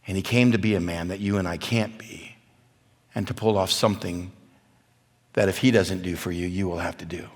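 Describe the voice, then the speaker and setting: A man preaching at a men's event, telling stories and building from quiet to loud, emphatic points. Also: deep voice, steady tone, fairly quick. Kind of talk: sermon. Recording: long hall reverb.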